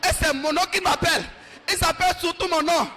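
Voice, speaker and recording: A male pastor leading a shouted deliverance prayer, fervently repeating short commands over and over. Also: extremely high pitch, steady tone, brisk.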